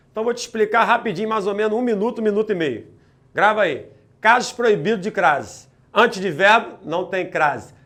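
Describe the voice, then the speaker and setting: A male grammar teacher drives through an exam-prep lesson in a high, bright-pitched voice. He talks with punchy energy and checks in with his students after nearly every point. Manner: energetic, peppers talk with quick check-ins to students. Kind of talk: lively exam-prep lecture.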